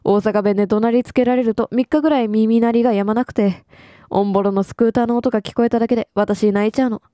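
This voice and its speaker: A woman's voice: on the high side, fairly even intonation, quick pace, dark tone, no echo, studio quality, close to an everyday voice. A woman reading the lines of a self-pitying, debt-ridden woman from a game, complaining in a whiny, dramatic way.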